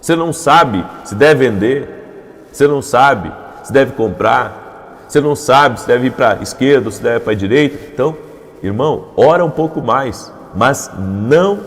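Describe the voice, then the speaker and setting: A man's voice: a little high, big-room sound. A man preaching a devotional morning sermon, with repeated emphatic phrases that build into urgent appeals. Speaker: pastor.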